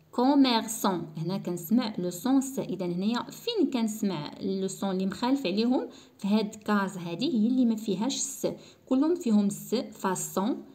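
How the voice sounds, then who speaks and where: A woman with a Moroccan accent explains a French spelling lesson for schoolchildren and says French words slowly and clearly. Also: medium pitch, darkish tone. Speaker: primary school French teacher.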